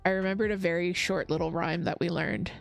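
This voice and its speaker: A woman's voice: lowish voice, fairly even intonation, fairly quick, vocal fry, soft background music. A woman hosting a crafting livestream, chatting casually, reading chat comments aloud and laughing often. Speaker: livestream host.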